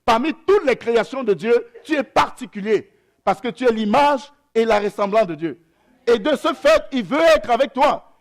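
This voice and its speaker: Delivering a sermon, this young man speaks in a very high-pitched voice with lively intonation. He is a pastor whose native tongue is African, and after a slow scripture reading he preaches haltingly, repeating phrases.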